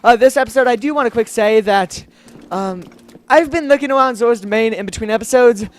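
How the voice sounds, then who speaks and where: A man's voice: very high-pitched, brisk. A man hosting a let's play, chatting casually and rambling with giggles as he plays. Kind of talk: casual gameplay commentary.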